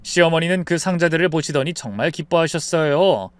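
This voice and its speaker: A man reading a scripted first-person story as narrator, in a lively expressive manner. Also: fairly high pitch, fairly quick, clear, resonant tone, no echo.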